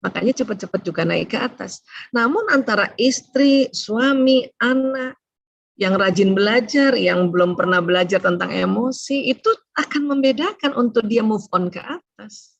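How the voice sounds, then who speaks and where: A woman giving a seminar talk on family and emotions, animated, acting out short exchanges between parent and child. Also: mid-range voice, breathy edge, no echo, lo-fi sound.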